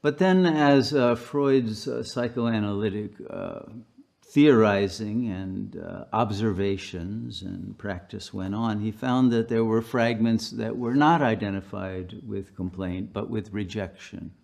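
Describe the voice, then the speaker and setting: A man's voice: lowish voice, slow pace, creaky, a little mellow. A male pastor delivering a sermon, telling stories unhurriedly with frequent fillers.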